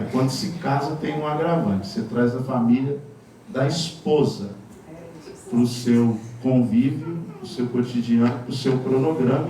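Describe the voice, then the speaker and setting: A man's voice: medium pitch, dark tone, a little hiss or hum. A male pastor from Brazil preaching a sermon in a conversational way, with wry asides and chuckles, in a church. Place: church sanctuary. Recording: echoey church hall from far off.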